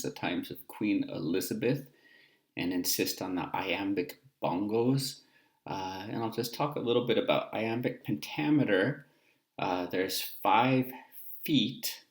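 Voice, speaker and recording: A man's voice: on the low side, creaky, reverberant. A man teaching a recorded lesson in a casual, explanatory way with frequent filler words.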